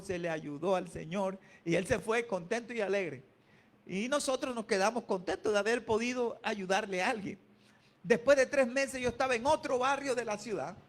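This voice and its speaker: Pastor guy preaching, really high voice, punchy, gets the crowd to answer back. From Colombia. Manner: emphatic preaching, asks the congregation to answer back. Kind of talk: sermon.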